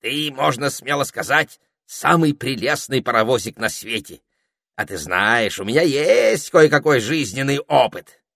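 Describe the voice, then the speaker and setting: A man's voice: mid-range voice, expressive, measured pace, gravelly, a bit bright, dry recording, studio quality, pitched above the performer's own voice, exaggerated voice. A man voicing a cheerful, teasing male parrot in a storybook reading. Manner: jaunty, teasing, soothing.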